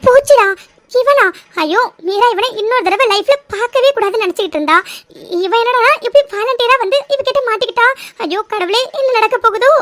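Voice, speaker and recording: Shrill, fast-talking young woman, as an actress plays her, fretful cartoon best friend, dry close voice. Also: expressive, a bit bright, dry recording. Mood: dismayed. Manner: fretful, pleading, motherly scolding. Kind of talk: cartoon serial voice acting.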